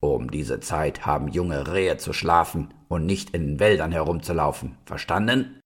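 A man reading a storybook aloud and voicing a huge, proud stag who speaks sternly and slowly. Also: extremely low pitch, breathy edge. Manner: stern, slow.

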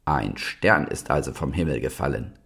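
A man reading a storybook aloud and voicing a huge, proud stag who speaks sternly and slowly. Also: a bass voice, expressive, gravelly, a bit bright, breathy edge, exaggerated voice. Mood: softening. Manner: stern, slow.

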